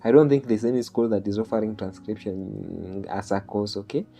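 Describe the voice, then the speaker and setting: Over soft background music, the Kenyan host speaks at normal speed in a low, gravelly, warm voice with fairly even intonation. A native Swahili speaker with a Kenyan accent, he walks through the online jobs screen share step by step, ending phrases with "okay?"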